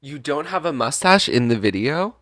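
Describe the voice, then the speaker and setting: A man hosting a podcast in casual chat, animated and teasing with quick reactions. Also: medium pitch, no room sound, studio quality. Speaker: podcast host.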